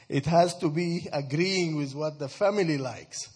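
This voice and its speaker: Man from sudan talking to a church crowd, kinda breathy husky voice, chatty, keeps asking the room stuff. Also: a little high, takes it slowly, darkish tone. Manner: conversational, asks the audience questions, laughs often. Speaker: speaker addressing a church group. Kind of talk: informal talk to an audience.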